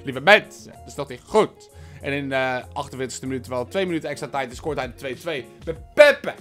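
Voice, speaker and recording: A young man from the Netherlands giving casual commentary over his own football gameplay. He chats to his viewers and breaks into shouts at big moments. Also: medium pitch, fairly quick, soft background music. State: headache. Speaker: gaming video host.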